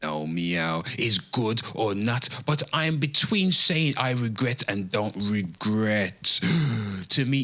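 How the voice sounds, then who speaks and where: A man's voice: on the low side, a bit bright. A man hosting a comedy show, gleefully reading out gossipy confessions with theatrical, mock-preacher exclamations of shock.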